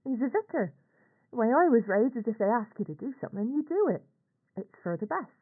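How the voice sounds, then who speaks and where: Through a tinny, band-limited filter that sounds like a radio or phone, a female voice, a little high, very animated and slightly rough, plays a Northern English working-class aunt. She's a nurse, anxious and ashamed, resigned and troubled as she recounts events. The halting, colloquial confession is a scripted monologue for a horror audio log, performed by an actress as a middle-aged character.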